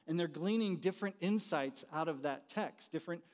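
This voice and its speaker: His voice on the high side and a little mellow, the dean and conference speaker moves briskly through a conversational lesson, regularly questioning his listeners. He's a middle-aged American, US-born and raised partly in Haiti, standing near the stage of a big church auditorium where the sound reverberates.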